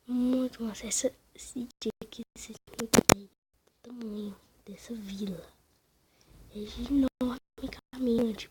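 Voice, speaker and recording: On the high side, a woman's whisper carries a Brazilian accent as she gives casual gameplay commentary late at night at home, her family asleep. She hosts a gaming channel, and the audio is poor, with a little hiss or hum.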